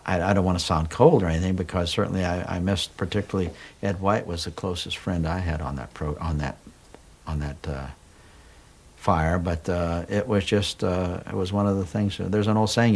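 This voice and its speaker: An older man recalling the past in a documentary interview, plain-spoken with halting restarts. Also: low-pitched, a little hiss or hum. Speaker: interviewee, former astronaut.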